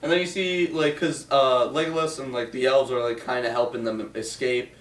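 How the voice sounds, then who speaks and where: A man's voice: medium pitch, steady tone, normal speed. A young man hosting a casual movie chat, talking loosely with lots of swearing and filler words. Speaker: movie review host. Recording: roomy echo, mic at a distance.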